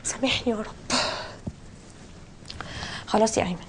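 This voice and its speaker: An actress playing a scolding, exasperated older sister with an Egyptian accent. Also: female voice, on the high side, moderate pace, noisy background, close to an everyday voice. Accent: Egyptian Arabic. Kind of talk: comedy sketch acting.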